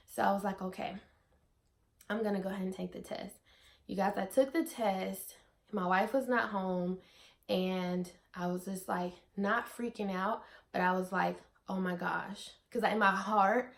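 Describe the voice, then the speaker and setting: A woman's voice: medium pitch, vocal fry. A young adult woman vlogging, telling a personal story casually to the camera with lots of fillers and asides to viewers. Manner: chatty, many "like" fillers, addresses viewers as you guys.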